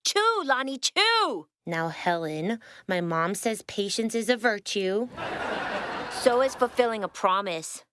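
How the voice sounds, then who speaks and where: A woman's voice: medium pitch, a little slow, background noise, natural voice. A woman voicing a bossy, teasing schoolgirl in a 1950s radio-style drama. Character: sassy schoolgirl Helen, 1950s city kid.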